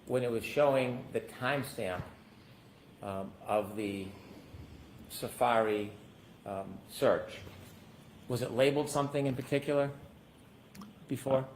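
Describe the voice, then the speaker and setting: A man with a mid-range voice cross-examines a witness, heard through a courtroom recording with faint background noise. He builds probing questions slowly and often breaks them up with "um.". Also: mid-range voice, poor audio. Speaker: attorney.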